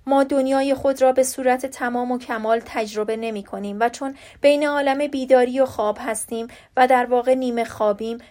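A woman voicing a gentle, wise old male professor who is dying, speaking softly and reflectively in an audiobook. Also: fairly high pitch, close to an everyday voice.

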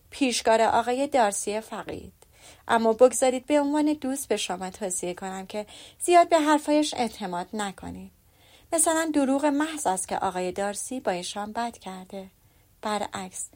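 A woman's voice: on the high side, darkish tone. A woman reading the lines of a disdainful young lady who speaks with condescending, falsely polite sweetness. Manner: condescending, sugary.

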